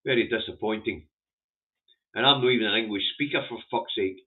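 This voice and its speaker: A man's voice: lowish voice, brisk. Blunt Scottish man on a phone-like recording. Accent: broad Scottish. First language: Scots. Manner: blunt, sweary, rambling. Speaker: vlogger reviewing the day's newspaper front pages. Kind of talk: casual opinionated commentary. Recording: muffled phone-like narrow-band audio.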